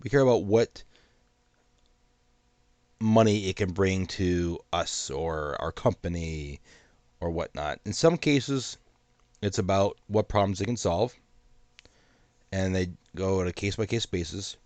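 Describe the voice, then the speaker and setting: Low-voiced guy, stuffy nose from a sinus thing, talking solo about tech, dry close mic. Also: a little slow, pauses often, a little mellow, dry recording. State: congested from a sinus infection. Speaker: host of an AI commentary channel. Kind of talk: solo commentary to camera.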